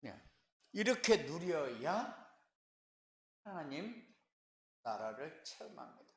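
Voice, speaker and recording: A man preaches from the pulpit of a church sanctuary, speaking slowly and deliberately with long pauses between phrases. He poses rhetorical questions and answers them with firm, repeated refrains, pushing louder on the key words. His voice sits a touch high, and the room rings with echo. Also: very animated, a little hiss or hum. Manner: emphatic swells in loudness on key words. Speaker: pastor. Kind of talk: sermon.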